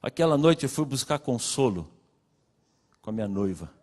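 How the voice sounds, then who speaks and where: A man with a Brazilian Portuguese accent preaching a sermon, telling his own story and acting out the dialogue with swings in pitch and loudness. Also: very animated, moderate pace. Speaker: pastor. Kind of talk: sermon testimony. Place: church hall. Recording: long reverb of a church hall.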